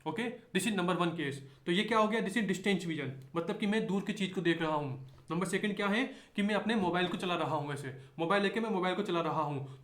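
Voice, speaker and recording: A man's voice: high-pitched, fairly bright tone. A man giving a medical lecture, repeating key points and asking himself rhetorical questions, mixing English terms into his speech. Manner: mixes English terms into Hindi. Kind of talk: explanatory lecture. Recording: echoey room.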